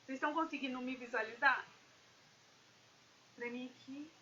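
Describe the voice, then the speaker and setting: A woman business consultant giving an animated live-stream talk, speaking straight to her viewers. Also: high-pitched, moderate pace, dull audio, slight background noise. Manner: animated, addresses viewers directly.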